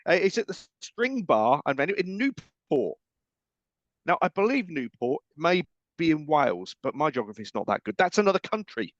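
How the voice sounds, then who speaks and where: A man's voice: a little high, sing-song, normal speed, dry recording, highs cut off. An English man hosting a radio show, chatting casually with a guest, joking and teasing with lots of restarts. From England. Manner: jokey, teasing, rambling with restarts. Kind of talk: casual on-air interview chat.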